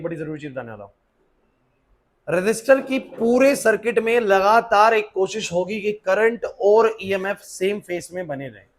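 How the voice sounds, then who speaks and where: A man teaching physics to a class, firing quick questions at the students and answering them himself, with English terms mixed into his talk. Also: sits high. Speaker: physics tutor. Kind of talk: classroom lecture.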